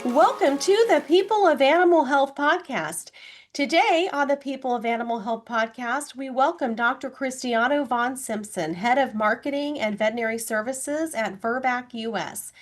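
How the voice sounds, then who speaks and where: A woman's voice: high-pitched, moderate pace, faint music behind. Polished woman podcast host. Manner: polished, reads from script. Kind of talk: scripted podcast intro and interview questions.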